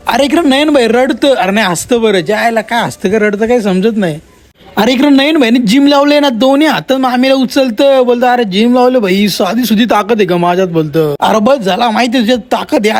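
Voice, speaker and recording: A man giving comic voice-over commentary on his vlog, teasing his friends in a mock-amazed tone. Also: sits high. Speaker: vlogger.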